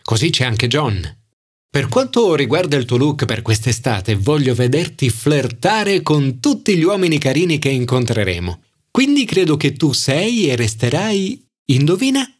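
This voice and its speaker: A man voicing a theatrical, anxious male friend who turns shrill and bossy, in an audiobook. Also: very animated, normal speed, slightly rough. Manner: dramatic, shrill when panicking, bossy. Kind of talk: audiobook character voice.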